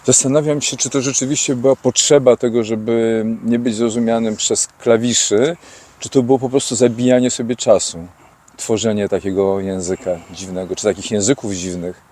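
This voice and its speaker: A male interviewer with a mellow, dark voice at a middle pitch. He asks measured, reflective questions outdoors by a street, thinking aloud as he goes. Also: steady tone. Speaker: interviewer, channel host.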